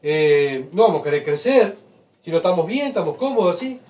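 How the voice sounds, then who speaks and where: Pastor preaching, heard from afar. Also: male voice, high-pitched, animated, brisk. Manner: rhetorical questions, keeps asking the congregation "¿verdad?"; swings between soft asides and loud emphatic bursts. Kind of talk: sermon. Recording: voice picked up from far off.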